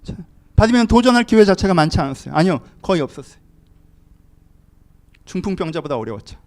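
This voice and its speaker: A man's voice: high-pitched, very animated, fast talker, darkish tone. A man pastor preaching a sermon emphatically, asking the congregation rhetorical questions.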